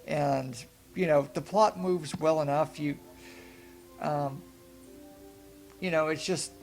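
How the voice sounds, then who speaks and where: Young male podcast co-host, higher pitch, rambling chatty film review, faint music under. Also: slow pace. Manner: rambling, self-correcting, animated asides. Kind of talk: casual film review chat.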